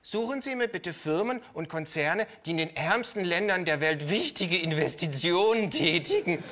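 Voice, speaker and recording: A man voicing a brash, cynical male kangaroo who talks to a bank advisor in a shrill, gleeful, pushy way. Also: lively intonation, fairly quick, pushed and bright.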